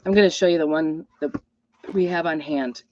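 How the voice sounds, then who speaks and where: A middle-aged woman with a hoarse, weakened voice from a hacking cough, rambling apologetically as she hosts a casual live craft demo. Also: low voice, moderate pace, lo-fi sound. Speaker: craft host and crafting product seller.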